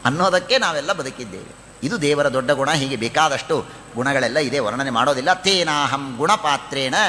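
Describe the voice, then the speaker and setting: A man with a fairly high, bright voice gives a devotional scripture discourse. He tells the story and acts out its dialogue, breaking into chanted Sanskrit verses. His voice rings out in a hall with a long reverb and a faint hum of noise behind it. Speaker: pravachan speaker.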